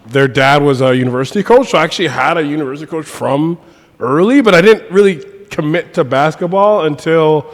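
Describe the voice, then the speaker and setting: A young man from Nigeria, a basketball coach, chatting as a podcast guest in an animated, slangy way that swings from excited to low and quiet. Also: fairly quick. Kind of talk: casual podcast chat. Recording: echoey room, far from the mic, faint noise.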